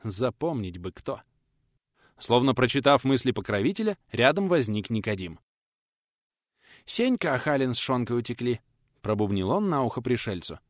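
Man narrating an audiobook, lively voice. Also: mid-range voice, moderate pace, pauses often, no room sound, clean studio sound. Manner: voices characters with old-fashioned folksy speech and lisps. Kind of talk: audiobook narration with acted dialogue.

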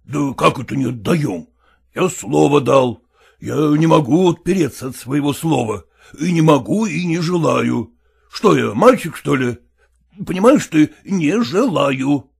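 A man voicing an agitated, domineering father who demands and shouts, in an audiobook reading. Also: fairly high pitch, animated, measured pace, gravelly, husky, exaggerated voice. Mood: fretful, stubborn. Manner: blustering, demanding.

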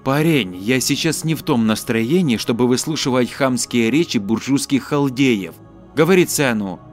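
A man's voice: medium pitch, lively intonation, normal speed, soft background music, voice pushed up, close to an everyday voice. A man voicing a practical, self-assured young woman who turns snappish when irritated. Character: young woman time traveller, sharp and practical.

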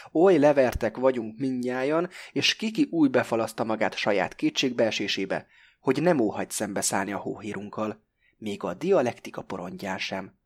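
A man narrating a novel in the first person as an audiobook reader, measured and close to the mic. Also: mid-range voice.

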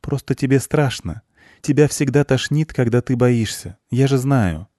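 A man's voice: medium pitch, animated, normal speed, dark tone, no room sound, clean studio sound, voice pushed up, natural voice. A man voicing a friendly, cheerful young blonde woman in an audiobook. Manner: light, friendly.

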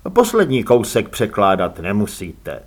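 A man's voice: fairly low pitch, huge pitch swings, voice pushed down. A man voicing a blunt, weary police commander who talks in a dry, grumbling way in an audiobook. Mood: dry grumble. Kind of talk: audiobook character voice.

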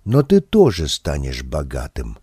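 A man reading an audiobook, voicing a calm tree-man who foretells people's fates in a measured, low voice. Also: breathy edge, no room sound, clean studio sound, full character voice. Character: calm suffering male tree-man prophet.

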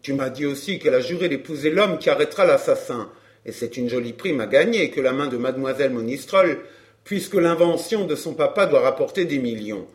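A man's voice: mid-range voice, lively intonation, fairly quick, lightly acted. A man playing a brash, chatty flirt. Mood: glib. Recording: roomy echo.

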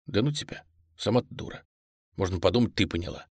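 Man playing a gruff, curt young man. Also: sits low, expressive, fast, darkish tone, no room sound, clean studio sound, heavily acted. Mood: bitter. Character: blunt, gruff young man, whispering harshly.

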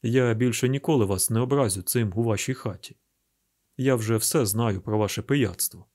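A troubled grown son speaks to his father with restraint and earnestness, voiced by a man. His husky voice sits at an ordinary pitch in this audiobook drama. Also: moderate pace, a little mellow, lightly acted. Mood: apologetic.

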